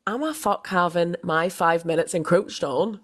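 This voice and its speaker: Playful young woman podcast co-host. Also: lowish voice. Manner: playful, self-mocking, quick restarts. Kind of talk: casual chat.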